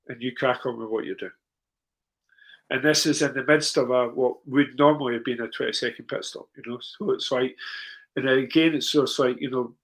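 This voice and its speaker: A middle-aged man speaking as a guest, telling long anecdotes in a loose, chatty flow. His voice sits at an ordinary pitch but leaps sharply upward when he gets excited, then settles back into calm, measured asides. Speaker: guest on a cue sports talk show. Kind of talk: conversational storytelling.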